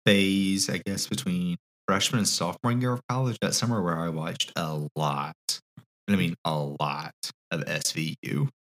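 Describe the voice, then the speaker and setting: A man in his twenties with a low voice talks casually on a podcast. He is chatty and runs eagerly from one item to the next. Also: steady tone, moderate pace, a bit bright. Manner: chatty, lists things eagerly. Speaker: podcast co-host. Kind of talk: casual chat.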